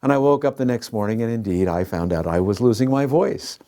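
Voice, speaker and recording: A man's voice: medium pitch, brisk. Man telling a backstage story. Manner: storytelling, relaxed. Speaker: actor. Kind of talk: interview anecdote.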